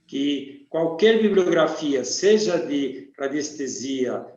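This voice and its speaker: An older man from Argentina, a radiesthesia teacher calmly explaining his field as a guest in an interview. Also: fairly high pitch, slow. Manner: calm, methodical, lists things one by one. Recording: dull, echoey call audio.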